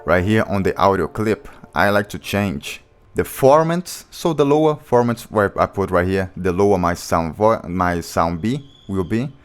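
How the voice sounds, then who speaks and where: This producer's low voice is clear and resonant, with lively intonation and a slightly slow pace, as he explains beatmaking step by step in somewhat non-native English. Beat music plays behind his casual screen-recorded tutorial.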